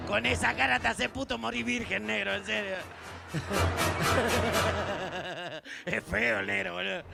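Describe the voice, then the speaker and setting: Argentine man, high raspy voice, slow teasing stage patter over live music. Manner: crude, teasing, shouted asides. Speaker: stage entertainer. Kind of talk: live stage banter and jokes. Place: outdoor winter festival stage. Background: music and crowd.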